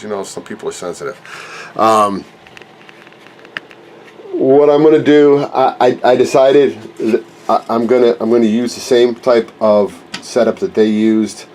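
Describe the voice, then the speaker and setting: A man in his forties, stuffed up with a cold, rambles and self-corrects in casual conversation for his workshop vlog. The RC plane hobbyist and channel host has a lowish voice and films at home with a handheld camera held close, and there's slight background noise.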